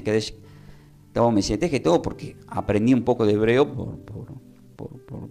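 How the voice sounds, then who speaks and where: Teaching a Bible class, this Tucumán man speaks in a lowish, slightly mellow voice with an Argentine accent. His preaching uses emphatic rises, and he prompts his listeners to repeat after him.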